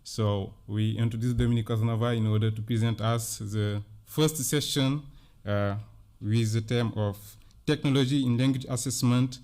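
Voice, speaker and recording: Male moderator, smooth clear voice, halting intro with fillers. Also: medium pitch, fairly even intonation, a little mellow. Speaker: session moderator. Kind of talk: speaker introduction. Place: conference room.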